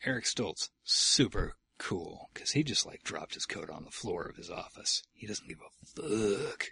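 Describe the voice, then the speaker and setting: A man's voice: low voice, gravelly, husky, dry recording. A man co-hosting a podcast, reacting and chatting casually through a movie commentary. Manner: animated, chatty, quick reactions. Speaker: podcast co-host.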